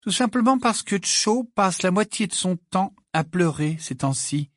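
A man voicing Hermione, a bossy, clever teenage girl who talks in a brisk, prim, lecturing way. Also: a little high, dry recording, studio quality, pitched above the performer's own voice, close to an everyday voice. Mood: absent-minded.

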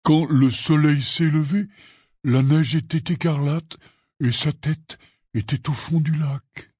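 A man reading the part of a huge, gruff but kindly half-giant gamekeeper in an audiobook, telling his tale in a rambling, earnest way. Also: on the high side, steady tone, slow pace, mellow, no echo, clean studio sound. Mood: rueful.

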